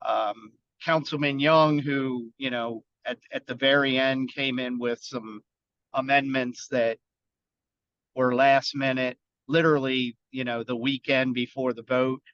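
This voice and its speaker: A man who sits on a county council, calling into a webinar on a car speakerphone while driving. He talks in short, halting phrases and thinks aloud. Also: medium pitch, steady tone, a bit bright. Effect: car speakerphone call while driving. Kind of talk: webinar panel comments. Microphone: phone speaker in a moving car. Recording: muffled phone line, dry.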